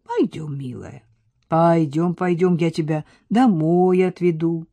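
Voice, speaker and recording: A woman voicing a frail, kindly old man who speaks softly and mildly, sometimes in a near whisper. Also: on the low side, slow pace, no room sound. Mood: soothing.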